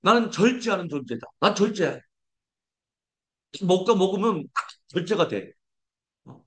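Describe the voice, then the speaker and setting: A man's voice: high voice, lively intonation, measured pace, a bit bright. A man preaching a sermon as pastor, leading the congregation in declarations and asking rhetorical questions he answers himself. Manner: declarative, leads congregation in call-and-response.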